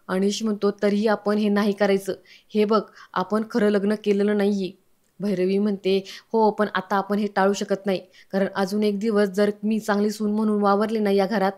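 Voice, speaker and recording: A woman with a Marathi accent retelling a television serial episode as a story, reading every character's lines herself. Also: mid-range voice. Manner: reads all characters' lines herself, quoting them in a mostly even tone. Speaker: serial episode recap narrator.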